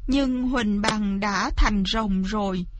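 A woman narrating a folk tale in a calm storybook style. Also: mid-range voice, takes it slowly, background noise.

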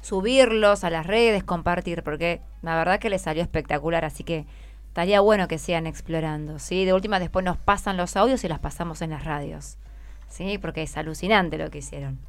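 With no room sound, a woman talks fairly quickly in a lowish voice. She hosts radio from a studio with an Argentine accent, casually and effusively encouraging schoolchildren during an interview.

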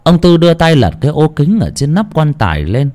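Expressive male ghost story narrator. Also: a little fast. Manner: expressive, swooping pitch.

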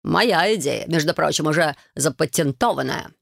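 An audiobook reader voicing a smug, greedy young male fashion genius, speaking slowly and drawing out the words. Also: mid-range voice, lively intonation, vocal fry, a bit bright, no room sound, clean studio sound, heavily acted.

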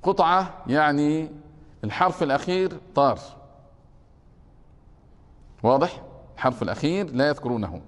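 A man's voice: a little high, lively intonation, normal speed, pauses often, in a large hall. A man from Egypt with an Egyptian accent, a sheikh teaching Arabic grammar to a class and often stopping to ask whether they follow. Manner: checks the class often with rhetorical questions.

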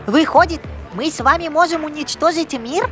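A woman's voice: high-pitched, normal speed, over music, natural voice. A woman playing a small, timid, naive undead servant in an audio drama, with a childlike, deferential way of asking.

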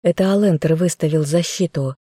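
A woman's voice: sits low, fairly quick, mellow, slightly rough, dry recording, studio quality. A woman narrating a fantasy novel in the first person, reading an audiobook.

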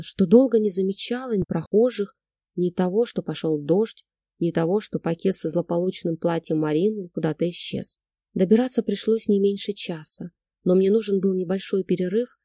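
A woman reading a novel aloud as first-person narrator, in a measured, emotional storytelling manner. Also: fairly low pitch, mellow, husky, dry recording, studio quality. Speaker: audiobook narrator.

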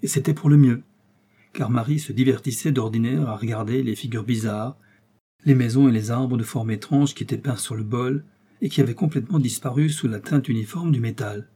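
A man telling an old storybook tale with a measured, expressive delivery. His voice sits warm and low in tone, with a slightly husky grain. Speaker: narrator. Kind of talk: storybook reading.

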